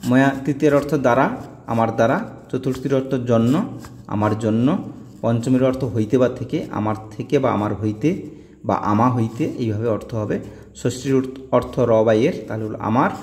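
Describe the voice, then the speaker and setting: A man's voice: mid-range voice, fairly even intonation, moderate pace, a little mellow, in a large hall. A man teaching a grammar lesson, drilling word endings aloud and repeating each form. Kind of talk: explaining grammar tables.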